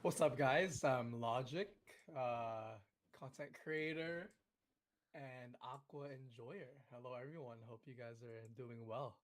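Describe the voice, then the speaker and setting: A relaxed man introduces himself as a content creator on a stream panel. He talks slowly, at a mid pitch.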